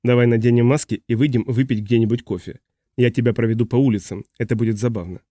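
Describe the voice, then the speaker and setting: A man's voice: medium pitch, fairly even intonation, fast talker, warm tone, no echo, studio quality, close to an everyday voice. A man voicing a contented middle-aged official in an audiobook reading.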